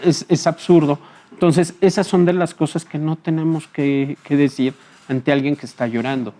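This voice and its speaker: A man, a psychologist guest explaining things calmly in an interview, often pausing on fillers and checking in with short tag questions. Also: fairly high pitch. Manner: frequent filler hesitations.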